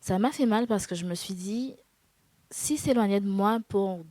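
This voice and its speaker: A woman in her twenties giving a personal faith testimony in an interview, earnest and hesitant, with soft laughs. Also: medium pitch, moderate pace, dry recording. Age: 20s. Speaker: guest.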